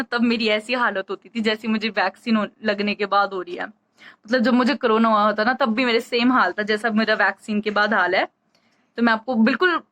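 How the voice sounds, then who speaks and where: A woman's voice: fairly high pitch, fairly bright tone, poor audio. A woman telling a rambling, chatty story to camera in a casual vlog, short of breath as she speaks. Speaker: vlogger.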